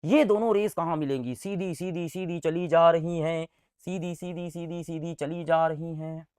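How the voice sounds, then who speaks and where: A man's voice: a little high, fairly even intonation, moderate pace, darkish tone, clean tone, no room sound, clean studio sound. A man teaching a science lesson in a playful, sing-song way, repeating key words, quizzing his students and making sound effects.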